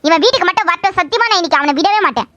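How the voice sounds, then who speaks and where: A bossy young cartoon sister who snaps back in a very high, bright voice, as a woman acts her. She talks quickly and confronts people head-on. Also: expressive, muffled recording, exaggerated voice. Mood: angry. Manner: confrontational, snappy. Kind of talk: animated cartoon drama voice acting.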